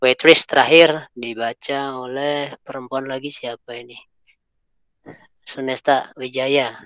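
A male English teacher runs an online class, encouraging his students and mixing English into his explanations. His mid-range voice is smooth and fairly bright, a little slow, with fairly even intonation. The recording is dry, dull, lo-fi online call audio.

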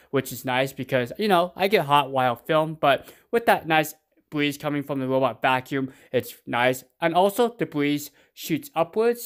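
A man's voice: fairly high pitch, clear, resonant tone. A man hosting a robot vacuum review, talking in an upbeat, chatty explaining way. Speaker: host.

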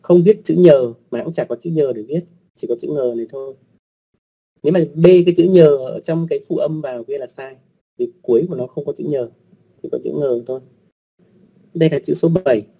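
A man teaching a language online explains writing rules in a voice that sits a little high yet sounds dark, gravelly, and husky at the edges. He proceeds slowly and patiently, repeating himself, adding fillers, and making polite asides to his class.

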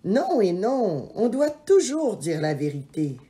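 A woman's voice: mid-range voice, big pitch swings, takes it slowly, mellow. A woman voicing a stubborn little girl who speaks in an insistent, defiant way in a storybook reading.

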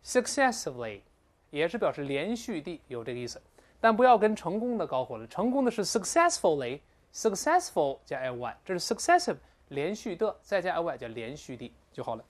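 Explaining a textbook in a recorded lesson, this English teacher keeps things lively. Her slightly deep voice wanders up and down freely. She slows way down to spell out the English phrases she quotes.

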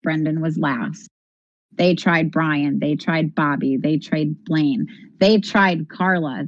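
A woman's voice: deep voice, dry recording. A woman co-hosting a casual discussion, making her points emphatically and repeating them for stress, on slightly lo-fi audio. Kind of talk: casual discussion of a criminal case.

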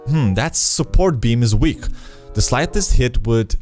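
A man's voice: mid-range voice, animated, a little slow, a little mellow. A man in his twenties doing casual let's play commentary on a video game, speaking close to a desk microphone in a small room. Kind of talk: casual gameplay commentary, reading game dialogue aloud. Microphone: close desk microphone with headset. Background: game music.

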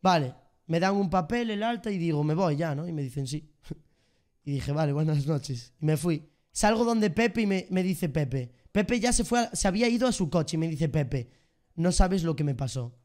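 High-voiced young Spanish man telling a story. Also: normal speed. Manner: animated, sound effects and slang. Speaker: streamer. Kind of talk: casual storytelling vlog.

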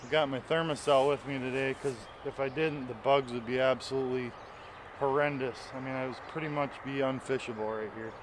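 Talking a little fast with fairly even intonation, this medium-pitched man in his thirties is a fishing vlogger on a small river, working from the bank and a canoe. In the casual outdoor vlog he chats enthusiastically and explains while fishing, with background noise audible.

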